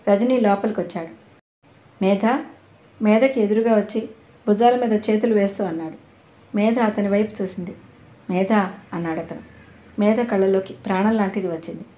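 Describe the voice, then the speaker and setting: A woman narrating an audio novel in a calm, measured storytelling voice. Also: mid-range voice. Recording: roomy echo.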